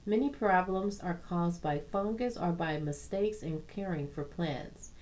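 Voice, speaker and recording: Slow, halting woman reading a plant book. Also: fairly low pitch, darkish tone, a little hiss or hum, poor audio. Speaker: plant channel host.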